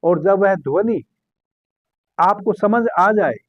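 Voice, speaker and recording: Calm man guiding meditation, phone-like sound. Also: sits high, dry recording. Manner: slow, calm, repeating key phrases. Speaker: spiritual meditation teacher. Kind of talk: guided meditation instruction.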